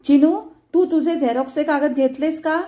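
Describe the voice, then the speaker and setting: A woman voicing a shrill, furious mother. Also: steady tone, a little slow, darkish tone. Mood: furious scolding. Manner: shrill, scolding, sarcastic. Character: harried angry middle-aged mother. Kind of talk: storytelling.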